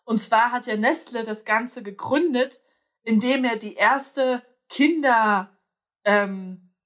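A young woman talks in a relaxed, conversational way, and her voice sits a little on the high side. She often pauses to search for words and restarts her sentences. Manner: hesitant, many fillers and restarts. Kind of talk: casual chat.

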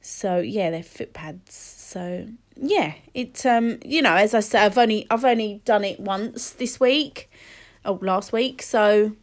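A woman's voice: mid-range voice, takes it slowly. A woman, chatting casually and rambling with many fillers while sniffly from a cold. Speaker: podcast host. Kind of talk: casual solo chat.

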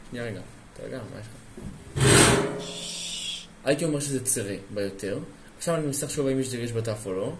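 A young man chatting casually on a podcast, pitched right in the middle for a male voice. He thinks aloud, hesitating and trailing off mid-sentence. A faint hiss of background noise sits under him. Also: pauses often. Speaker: podcast co-host. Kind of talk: casual chat.

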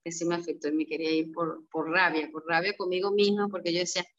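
A woman's voice: lowish voice, flat delivery, quick pace. A middle-aged woman with a Venezuelan accent, a retired karate champion telling her story emotionally, often restarting and voicing her own past thoughts. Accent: Venezuelan Spanish. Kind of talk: reflective personal storytelling. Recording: dull, lo-fi sound.

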